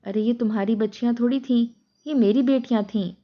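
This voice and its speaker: A woman's voice: on the high side, lo-fi sound, voice pushed up, close to an everyday voice. A woman voicing a grieving mother driven mad by hunger and loss, in a tearful, pleading lament.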